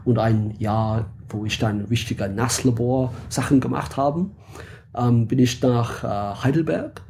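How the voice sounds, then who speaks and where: A man's voice: mid-range voice, a little slow, a little mellow, a little hiss or hum. A man from England with an English accent, a guest in a casual interview, speaking hesitantly with many fillers and searching for words.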